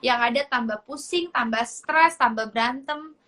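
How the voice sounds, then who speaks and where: A woman's voice: fairly high pitch, moderate pace, a bit bright, a little hiss or hum. A woman hosting a casual church talk show, agreeing with her guest and summing up her points. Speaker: host.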